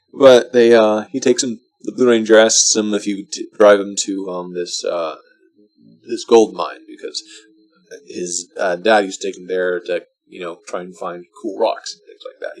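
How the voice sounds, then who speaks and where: Low-pitched man, drunk, halting delivery, casual meandering film commentary, unfinished thoughts. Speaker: vlogger reviewing a film. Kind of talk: casual rambling movie commentary.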